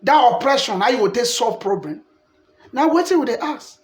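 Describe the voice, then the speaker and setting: A Nigerian man with a high-pitched voice delivers a passionate political monologue. He preaches and repeats himself, weaving scripture into his points. The sound is echoey, as if recorded in a bare room. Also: expressive, moderate pace. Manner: preachy, quotes scripture, repetitive.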